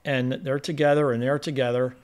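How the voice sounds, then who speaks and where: A man's voice: medium pitch, flat delivery, brisk, clean tone. A man co-hosting a casual film review podcast, retelling the plot in a rambling way with frequent restarts.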